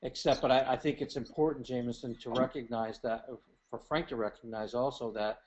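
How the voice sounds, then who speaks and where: A man giving feedback as an academic thesis advisor, measured and halting, repeating phrases for emphasis. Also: mid-range voice, fairly even intonation, darkish tone. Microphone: remote call. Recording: dull call audio with noticeable noise.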